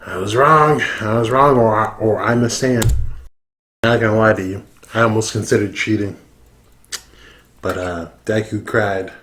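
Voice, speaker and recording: A man's voice: on the low side, a little slow, a bit bright, a little hiss or hum. A man who is drunk, giving casual reaction commentary full of swearing and slang. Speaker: YouTube reaction host.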